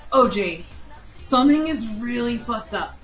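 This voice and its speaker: A woman's voice: fairly high pitch, expressive, measured pace, soft background music, rough recording. Gothic teen boy Prinny, read by a woman. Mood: flat. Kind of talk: comedic dramatic reading.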